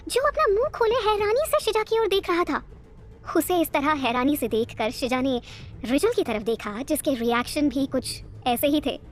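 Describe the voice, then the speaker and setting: A woman narrating an audio love story in a steady storytelling voice. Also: high voice.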